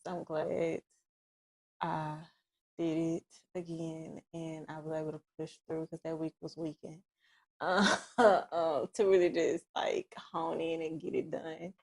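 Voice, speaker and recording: Low-voiced woman co-hosting a relaxed podcast. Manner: relaxed, soft-spoken, quick to push back. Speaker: podcast co-host. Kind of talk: casual chat.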